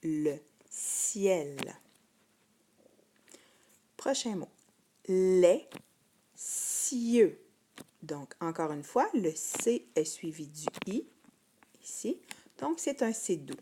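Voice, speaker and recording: Slow, patient Québécois woman teacher. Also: lowish voice, animated, warm tone, slight background noise. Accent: Québécois French. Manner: patient, spells sounds out and repeats each word twice. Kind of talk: slow, patient phonics lesson for first graders.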